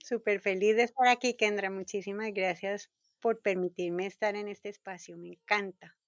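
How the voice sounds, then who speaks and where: A woman in her fifties from Colombia with a Colombian accent, a podcast guest telling her story gently and reflectively. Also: mid-range voice, steady tone, normal speed, dry recording, clean studio sound. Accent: Colombian Spanish. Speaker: guest, intuitive communicator.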